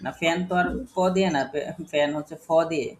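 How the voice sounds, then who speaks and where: Man, Bangladeshi accent, classroom teacher, spells letters out, asks questions, fairly high voice, faint background ambience. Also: quick pace, a little hiss or hum. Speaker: English teacher. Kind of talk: classroom phonics lesson.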